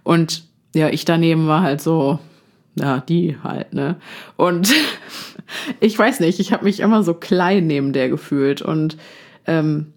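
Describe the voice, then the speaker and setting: A woman's voice: low-pitched, slow pace, darkish tone. Young woman podcast host, chatty and frank, lots of ums. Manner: reflective, frank, many fillers. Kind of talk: casual chat.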